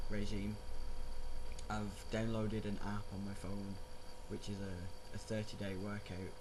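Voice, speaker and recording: Male vlogger, lowish voice, casual and rambling, clearly noisy recording. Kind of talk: casual chat, personal update vlog. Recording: clear background noise.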